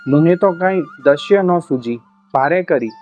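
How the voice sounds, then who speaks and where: A man's voice: on the high side, expressive, moderate pace, lightly acted. A man voicing a bold, crafty middle-aged horseman who gives orders in a rustic village way. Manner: rustic, commanding village dialect. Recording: muffled with faint music behind.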